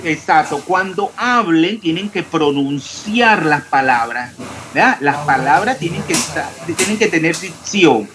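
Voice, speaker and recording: Quizzing his online chemistry class at a measured pace, a man from Panama corrects students' answers. His slightly high male voice enunciates every consonant, down to each final s, and a faint hiss sits under the audio.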